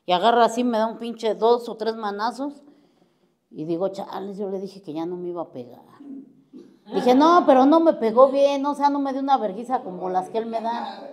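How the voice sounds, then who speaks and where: A woman's voice: mid-range voice, fairly quick, dark tone. A middle-aged woman with a Mexico City accent shares her personal recovery testimony at an AA group. She speaks bluntly in crude street slang and swears constantly as she talks to the room. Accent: Mexico City Spanish. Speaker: AA member giving testimony.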